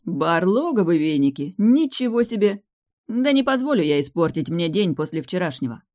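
A narrator voicing a breezy, carefree young duke who gives orders in a lively, offhand way. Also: mid-range voice, normal speed, lightly acted. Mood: brisk, bossy.

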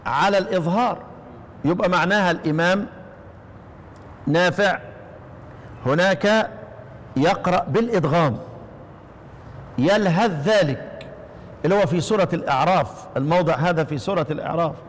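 Egyptian male recitation teacher, high pitched, chants verses and quizzes students, reverberant hall. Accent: Egyptian Arabic. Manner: quizzing listeners with repeated questions, chanting verse slowly. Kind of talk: explaining a recitation poem to students.

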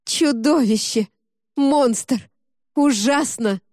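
Woman doing scarred desperate young girl, high pleading voice, audiobook. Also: expressive, unhurried, warm tone, dry recording, studio quality. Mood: frantic. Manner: high, pleading, breaking into frantic cries. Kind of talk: audiobook character reading.

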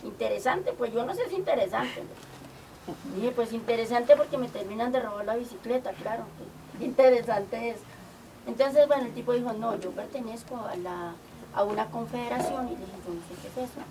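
Gravelly older woman telling stories. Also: a little high, brisk. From Colombia. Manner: lively anecdotal storytelling with quoted dialogue. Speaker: community organizer. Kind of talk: storytelling. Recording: distant mic with clear background noise.

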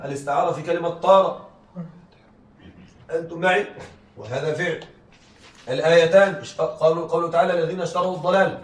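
A man teaching rhetoric in a classroom lecture, repeatedly asking his students whether they are following. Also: a little high. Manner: keeps checking students follow. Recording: echoey classroom, distant mic, faint hiss.

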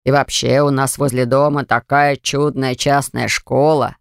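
A narrator voicing a pompous, boastful older rich man who talks down to people, in a slow, lowered, gravelly voice. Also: flat delivery, dry recording, clean studio sound. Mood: patronizing. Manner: boastful, patronizing. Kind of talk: audiobook character voice.

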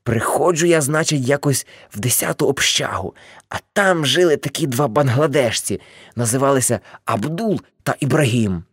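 Brief: woman voicing older male ex-hippie, boastful, rambling, animated delivery, dry studio read. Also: very deep voice, normal speed, slightly rough, no room sound, full character voice.

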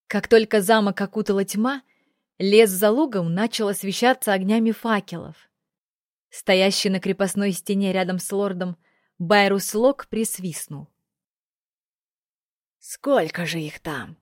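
A woman's voice: mid-range voice, fairly even intonation, normal speed, no room sound, clean studio sound. Woman reading a fantasy audiobook. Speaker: audiobook narrator. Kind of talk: scripted narration.

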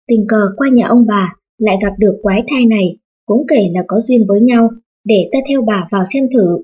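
A woman voicing an old, lame Taoist nun who scorns the family with mocking calm, in a storybook reading. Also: medium pitch, normal speed, husky, muffled recording, natural voice. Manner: scornful, laughing at others.

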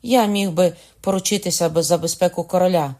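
A man's voice: sits high, steady tone, fairly quick, darkish tone, voice pushed up, natural voice. A man voicing a devoted young nobleman in an audiobook reading, urgent and pressing.

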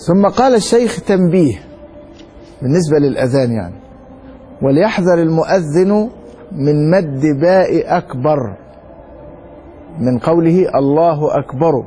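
A man with an Egyptian Arabic accent teaching a religious lesson, reading a text slowly and then explaining it with rhetorical questions to his students. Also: a little high, lively intonation, mellow, a little hiss or hum. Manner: reads a text slowly, then comments quickly. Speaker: sheikh teaching Maliki law.

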